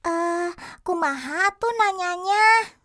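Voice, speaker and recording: A bright, tiny-voiced shy schoolgirl. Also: very high voice, slow pace, heavily acted. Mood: hesitant. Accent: Sundanese. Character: shy young village schoolgirl. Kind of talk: children's TV drama.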